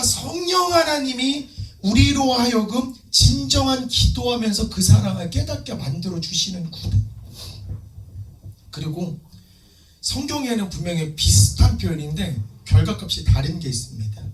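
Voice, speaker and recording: A man's voice: very high-pitched, fairly bright tone. A man preaching a sermon as pastor, fervent and emphatic, calling out to the congregation. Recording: echoey room, distant mic, faint music.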